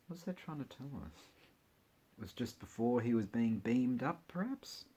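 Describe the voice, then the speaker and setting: A man's voice: mid-range voice, animated, normal speed, warm tone, husky. A man chatting casually about his record collection, with wry, jokey asides. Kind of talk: casual chat while unboxing records.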